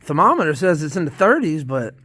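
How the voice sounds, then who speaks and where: Rambling Southern man, lively high voice. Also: a little fast, husky. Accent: Southern American. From Southern United States. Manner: rambling, folksy, talks to viewers as y'all; repeats phrases, restarts often. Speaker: worm farmer vlogger. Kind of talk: casual vlog chat to viewers.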